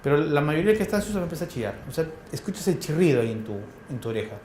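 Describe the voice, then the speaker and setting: A man with a Peruvian accent giving a classroom lecture, firing quick questions at his students in a colloquial way. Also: fairly high pitch, very animated, a little mellow, slight background noise. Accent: Peruvian Spanish. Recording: echoey classroom.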